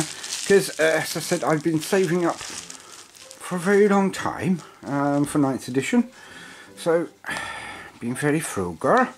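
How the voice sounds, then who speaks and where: A man talks in a loose, rambling way, drifting from point to point as a self-described waffler. His pitch jumps around a lot as he goes. He sounds tired, though he keeps the chat going. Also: a little hiss or hum. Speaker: hobby channel host reviewing a game book. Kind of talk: casual chat.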